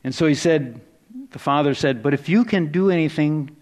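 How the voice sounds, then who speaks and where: Higher-pitched man preaching a sermon. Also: normal speed. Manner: conversational, reflective preaching with soft dips for quoted words.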